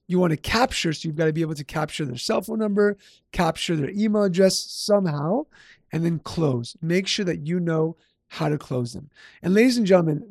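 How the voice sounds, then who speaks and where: A man's voice: fairly high pitch, creaky, darkish tone, dry recording, studio quality. A male podcast host talking in an upbeat, salesy way and often tagging lines with "right?". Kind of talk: casual podcast talk with ad read.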